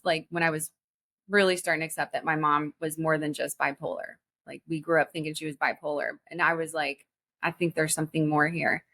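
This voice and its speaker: A woman in her forties speaks as a podcast guest, telling her own story. She talks earnestly and haltingly, restarting her sentences often. Her voice sits a little low for a woman. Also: fairly bright tone. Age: 40s. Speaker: guest, spiritual teacher. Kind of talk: personal story in a podcast interview.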